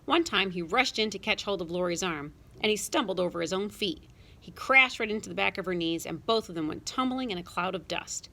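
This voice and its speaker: A woman narrating a children's storybook with a lively, expressive reading. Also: medium pitch. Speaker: audiobook narrator.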